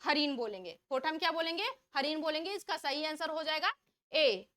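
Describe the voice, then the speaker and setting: A woman teacher with a high, bright voice leads an exam-prep vocabulary lesson at a slightly fast pace. She reads out the multiple-choice options and repeats each question twice before revealing the answer.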